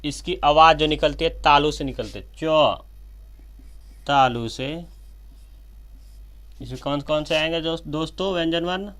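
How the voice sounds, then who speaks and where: A man giving a slow, repetitive whiteboard grammar lesson, often addressing viewers as friends and correcting himself mid-sentence. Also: on the high side, a bit bright. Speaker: teacher.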